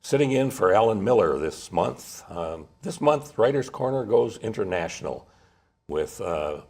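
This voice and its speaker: A man's voice: lowish voice, lively intonation, measured pace, darkish tone, slightly rough. A man hosting a television interview with writers, talking with frequent hesitations and fillers. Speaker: guest host. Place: Minnesota.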